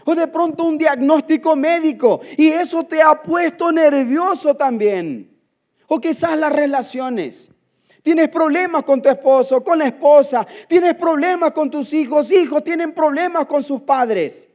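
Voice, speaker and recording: High-pitched Ecuadorian pastor preaching. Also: male voice, unhurried, darkish tone. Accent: Ecuadorian Spanish. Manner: storytelling, addresses congregation directly, acts out dialogue. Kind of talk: sermon.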